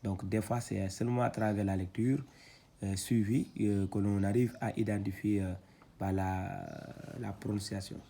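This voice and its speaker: A man teaching Quran reading, patiently spelling out syllables one at a time, louder when he sounds them. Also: lowish voice, flat delivery, moderate pace, gravelly, a little hiss or hum. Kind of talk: slow letter-by-letter reading lesson.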